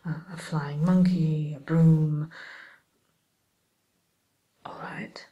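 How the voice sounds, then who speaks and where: A woman voicing a sly, sweetly courteous wicked witch tutor in a hushed, musing ASMR roleplay. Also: sits low, fairly even intonation, muffled recording. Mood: chatty, genteel. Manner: hushed, unhurried, hesitant musing, faux-genteel.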